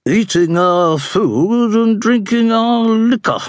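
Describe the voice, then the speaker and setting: A man's voice: fairly high pitch, big pitch swings, darkish tone, dry recording, pitched above the performer's own voice, exaggerated voice. A man doing a haughty elderly duchess. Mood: peevish. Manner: slow, haughty, peremptory. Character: imperious elderly aristocratic dowager duchess mother.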